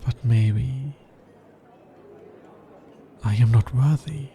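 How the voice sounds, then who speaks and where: With a medium-pitched, warm voice and an extremely slow pace, a man plays an anxious, smitten alien scientist in an intimate ASMR roleplay. His speech is hesitant, earnest, and precisely formal, over slight background noise.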